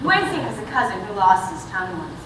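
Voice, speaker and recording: A woman's voice: medium pitch, big pitch swings, fast talker. A woman playing an elegant gothic mother with a poised, dry, disdainful manner on a stage recording. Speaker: actor in a stage musical. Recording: echoey theatre audio from far off, noisy.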